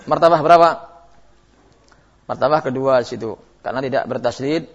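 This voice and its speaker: On a muffled, lo-fi lecture tape from the 2000s, a man gives a tajwid lesson, answering questions about the rules of Quranic recitation. He models the sounds and repeats them to correct his listeners. His voice is medium in pitch, slightly quick, and creaky.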